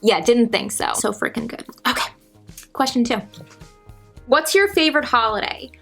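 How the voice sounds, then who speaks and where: A woman's voice: fairly high pitch, lively intonation, moderate pace, creaky, fairly bright tone, soft background music. A young woman in her twenties chatting casually to her viewers in a Q&A vlog, bubbly and full of "like". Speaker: YouTuber.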